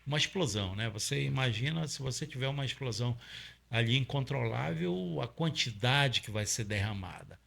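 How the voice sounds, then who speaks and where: A middle-aged oil industry safety trainer from Pará, Brazil, speaks Paraense Brazilian Portuguese as an interview guest, explaining step by step with lots of fillers and tag questions. His medium-pitched voice is animated and fairly bright, with vocal fry, at a moderate pace.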